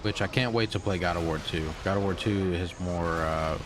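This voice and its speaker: A man's voice: low-pitched, moderate pace. A tired young man casually commenting while streaming a video game, rambling with lots of fillers and restarts. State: tired, yawning.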